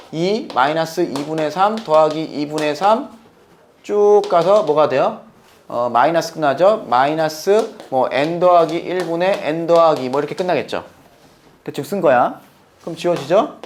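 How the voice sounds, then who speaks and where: A man teaching math, walking through the steps and constantly quizzing his students with quick questions. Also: fairly high pitch, a little hiss or hum. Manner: playful, talking to himself. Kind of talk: lecture.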